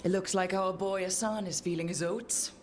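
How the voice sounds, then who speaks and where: An actress playing an easygoing hero who leads a party in a video game. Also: female voice, medium pitch, fairly even intonation, moderate pace, faint music behind, natural voice.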